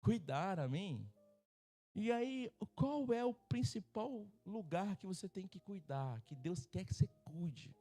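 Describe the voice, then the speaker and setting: Brazilian pastor with a lively, joking delivery. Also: male voice, sits high, slow pace. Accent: Brazilian Portuguese. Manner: humorous, acts out quoted voices. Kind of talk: sermon. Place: church service.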